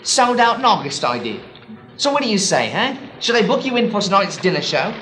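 A man playing a shabby waterfront showman who pushes his pitch with stammering salesman patter in a comedy sketch. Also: sing-song, a little fast, bright, forceful tone, a little hiss or hum, heavily acted. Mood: wheedling. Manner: persistent salesman patter, stammering, keeps saying sir.

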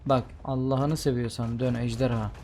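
A man's voice: medium pitch, flat delivery, moderate pace, dark tone, slight background noise. A man giving live commentary on a video game he plays, talking to himself, often exasperated and exclaiming. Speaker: gameplay streamer.

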